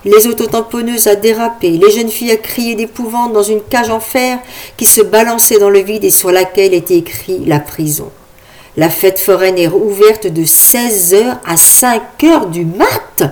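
A woman narrates a comic story as an audiobook, with a wry, conversational delivery at a mid pitch. She reads with a light, dry humour. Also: a little mellow.

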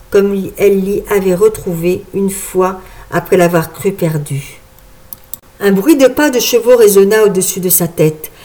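A woman reads a fairy tale aloud in a measured, even way. Her voice sits at a middle pitch and keeps a calm, steady storytelling flow. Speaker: narrator. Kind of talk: storybook reading.

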